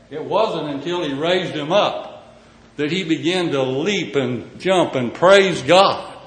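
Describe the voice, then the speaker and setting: Echoey hillbilly-accented man preaching. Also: medium pitch. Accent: rural Ozark hillbilly. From Missouri, United States. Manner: folksy, plain-spoken, emphatic swells dropping to quiet asides. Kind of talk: sermon. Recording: echoey hall, reverberant, faint noise.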